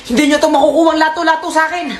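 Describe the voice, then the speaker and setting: A woman performing comedy sketches, switching between characters and often shouting and laughing. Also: high voice, fairly even intonation, racing, slight background noise. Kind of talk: one-person comedy skits, playing every role.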